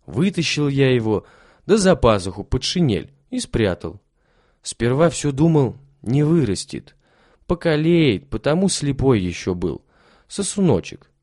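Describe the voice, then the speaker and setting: A man's voice: mid-range voice, sing-song, unhurried, a little mellow, no room sound, clean studio sound. A man voicing a timid, humble old soldier who talks meekly and gratefully in a storybook reading. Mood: reminiscing. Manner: meek, pious, grateful.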